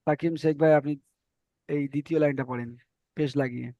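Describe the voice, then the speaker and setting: A man's voice: on the high side, fairly even intonation, brisk, warm tone, no echo, highs cut off. A man teaching Arabic letter reading in an online class, patiently repeating each point and checking that students follow.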